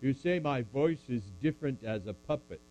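A man's voice: medium pitch, expressive, normal speed, dark tone, a little hiss or hum, natural voice, low-quality recording. A man voicing a puppet of an older apostle who preaches and then answers audience questions with dry jokes. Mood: playful. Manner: preachy, dryly joking, speaks to a crowd. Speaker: puppet performer. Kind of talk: church puppet skit with scripture recitation.

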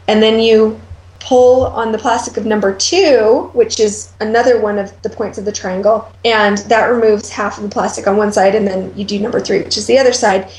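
A woman in her thirties co-hosting a relaxed podcast conversation. She walks through details step by step in a chatty, easygoing way, with a playful teasing streak and a voice of ordinary middle pitch. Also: reverberant, poor audio. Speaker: podcast co-host. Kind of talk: casual chat.

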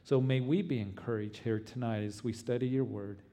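A man who sounds like a pastor leading an earnest, pleading prayer, speaking haltingly. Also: medium pitch, dark tone. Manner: halting, repeatedly addressing the Lord. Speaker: pastor leading a church service.

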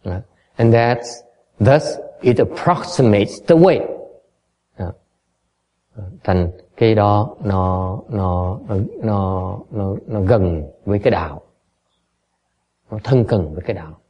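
Mellow-voiced male dharma teacher. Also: fairly low pitch, lively intonation, slow pace, long pauses. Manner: explains in English, then repeats in Vietnamese, often stumbling over repeated words. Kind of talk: bilingual dharma lecture.

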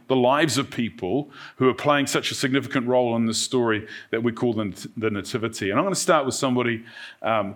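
A man's voice: mid-range voice, a bit bright. New Zealand man preaching conversationally. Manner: checks in with listeners using short tag questions. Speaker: pastor. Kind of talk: conversational evening sermon to a congregation.

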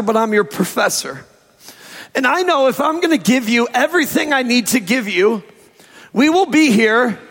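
Hoarse, high-pitched male preacher in a hall. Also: a bit bright. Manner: emphatic, stretches key phrases for effect. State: hoarse, strained sore throat. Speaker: pastor preaching to congregation. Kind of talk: sermon. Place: church service, amplified in a large room. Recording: echoey large hall reverb.

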